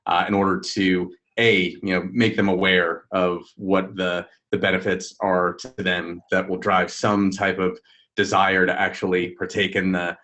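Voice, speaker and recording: A man with a very low voice co-hosts a live webinar. He explains ideas in a measured, thoughtful way over a video call. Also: level tone, a bit bright. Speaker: webinar co-host.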